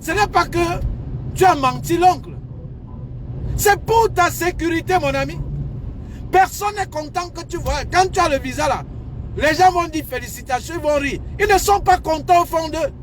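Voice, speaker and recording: A man with a strikingly high voice lectures his viewers, hammering home each point by repeating it. He talks outdoors near a street, and the sound of passing traffic comes through clearly. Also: normal speed. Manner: lecturing, repetitive, emphatic. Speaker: advice vlogger. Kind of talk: casual advice monologue.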